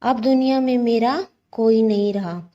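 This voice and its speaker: Sly male tortoise, played by a woman: theatrical wailing, sharp scolding, mellow tone. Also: a little high, steady tone, a little slow, muffled recording, natural voice. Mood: mock wailing. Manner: wailing and pretending to grieve, then scolding.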